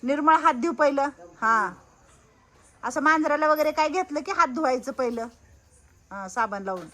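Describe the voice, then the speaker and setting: A woman's voice: high-pitched, normal speed. A woman running an old-age home, chatting and coaxing residents as she hands out things. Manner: lively, coaxing elders, calls out loudly. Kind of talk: casual vlog chat.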